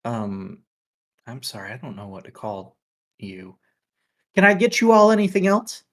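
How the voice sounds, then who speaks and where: A man voicing a nervous, polite young male shop assistant who rushes his words. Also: fairly low pitch, steady tone. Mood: flustered.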